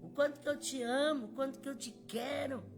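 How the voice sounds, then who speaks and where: A woman voicing a gentle, loving husband who pleads softly with his wife in repeated questions. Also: sits high, brisk, music in the background, lightly acted. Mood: tender pleading.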